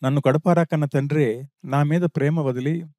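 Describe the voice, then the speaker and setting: A man's voice: fairly high pitch, steady tone, normal speed, dark tone, no room sound, studio quality, natural voice. A man voicing a grieving prince who laments his lost wife in a stream of anguished questions.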